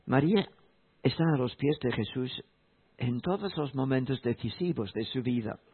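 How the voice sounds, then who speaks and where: A man preaching a sermon in a slow, emphatic way, repeating key phrases. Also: mid-range voice, lively intonation, breathy edge. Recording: tinny phone-like sound.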